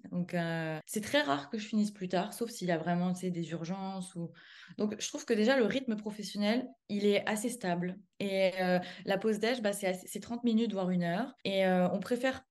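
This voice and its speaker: A woman's voice: medium pitch, moderate pace, darkish tone. Chatty French woman, hesitant podcast guest. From France. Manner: chatty, hesitant, many filler sounds and laughs. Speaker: guest, public relations adviser. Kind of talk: casual podcast conversation.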